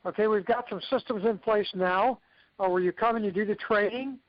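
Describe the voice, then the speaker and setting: A man with a high voice talks fairly quickly in a dry recording, coaching his team toward success on a conference call. His motivational training talk is instructive and dotted with check-ins of "okay," heard through dull, lo-fi conference call audio.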